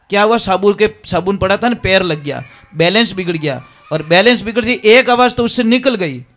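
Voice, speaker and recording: A man's voice: high voice, fairly bright tone. A man preaching a devotional sermon, emphatic and repeatedly calling his listeners maharaj. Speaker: religious preacher.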